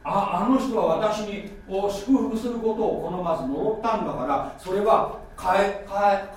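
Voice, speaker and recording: Pastor guy preaching, high lively voice, big echoey hall, mic far off. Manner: animated preaching, drawn-out scripture reading. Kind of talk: sermon. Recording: echoey hall, distant mic, faint noise.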